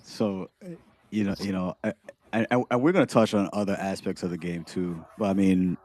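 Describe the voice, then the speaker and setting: A man's voice: low voice, a little fast, a little mellow. A man co-hosting a sports talk show, chatting casually with frequent stammered restarts. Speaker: podcast co-host.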